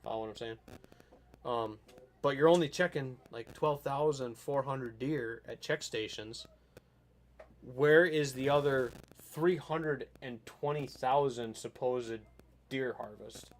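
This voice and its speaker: A man hosting a casual hunting podcast, rambling and animated, often checking that the listener follows. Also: medium pitch, slow pace. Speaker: podcast host.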